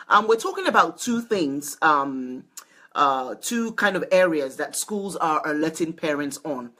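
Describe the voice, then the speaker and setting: A woman's voice: lowish voice, fairly bright tone, breathy edge. A woman hosting a parenting live stream, chatting casually, greeting viewers by name and often restarting her sentences. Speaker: host of a parenting livestream. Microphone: phone or laptop mic for a live stream.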